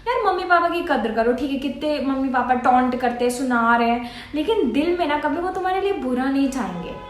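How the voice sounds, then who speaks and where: A young woman from India, a student vlogger, talks casually to the camera in a high, animated voice at a fairly quick pace. Like an older sister, she offers earnest, coaxing advice, recorded in an echoey room.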